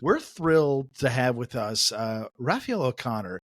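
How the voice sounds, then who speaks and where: A male podcast co-host with an upbeat, rambling delivery full of "uh"s and restarts. His voice sits at an ordinary middle pitch, and the recording is dry and close with no room sound around it. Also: big pitch swings, a little slow, dry recording. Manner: upbeat, rambling with many fillers. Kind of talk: casual interview chat. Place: United States.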